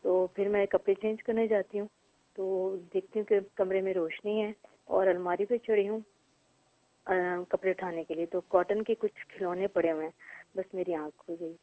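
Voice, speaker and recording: A woman's voice: mid-range voice, fairly even intonation, mellow, no echo, low-quality recording. A woman calling a radio show, recounting her dreams in careful detail. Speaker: caller.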